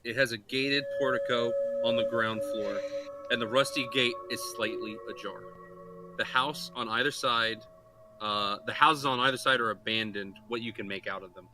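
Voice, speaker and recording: A young man running a tabletop game as dungeon master, narrating scenes in a halting way with many restarts. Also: mid-range voice, fairly even intonation, over music.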